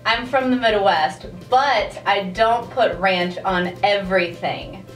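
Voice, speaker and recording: Slow-talking young woman, echoey room. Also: medium pitch, a bit bright. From Missouri. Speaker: comedy sketch participant. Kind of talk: deadpan comic monologue to camera. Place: indoor studio set. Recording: echoey room, distant mic, faint music.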